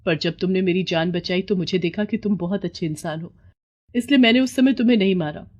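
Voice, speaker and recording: A woman voicing a remorseful female snake spirit in a cartoon story, with a breathy, pleading voice. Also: fairly low pitch, a little fast, a little mellow, lo-fi sound, close to an everyday voice. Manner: pleading, confessional.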